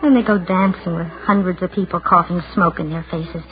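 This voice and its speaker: Through noisy, narrow-band 1940s radio audio, a woman in her thirties voices a lonely thirty-year-old who is shy, anxious and judgmental, in a brittle, fretful period drama style. She sounds bitter and fretful, her lowish voice fairly even and quick, close to how she'd normally speak.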